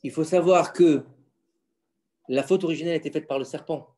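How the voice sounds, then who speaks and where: A man explaining religious stories to his children in a casual home lesson, animated and quizzing them with questions. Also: a little high, a little fast. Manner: insistent, keeps the floor. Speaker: father teaching his children.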